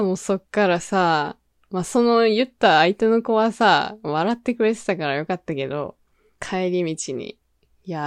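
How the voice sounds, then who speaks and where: A woman's voice: on the low side, a little mellow, no echo, clean studio sound. A woman in her twenties with a Kansai accent, hosting a casual solo radio talk segment and laughing often as she acts out her own lines. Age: 20s. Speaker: radio show host.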